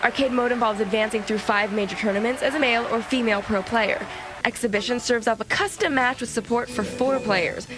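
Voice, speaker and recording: A woman's voice: on the high side, brisk, music in the background. Wisecracking woman hosting a game show. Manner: dry, wisecracking delivery. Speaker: TV show co-host. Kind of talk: scripted review narration.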